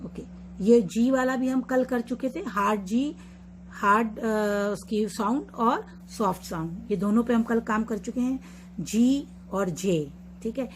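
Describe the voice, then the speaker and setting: Woman teaching spelling, slow and patient. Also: fairly high pitch, a little hiss or hum. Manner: explains patiently, repeats example words slowly. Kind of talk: online lesson mixing Hindi and English.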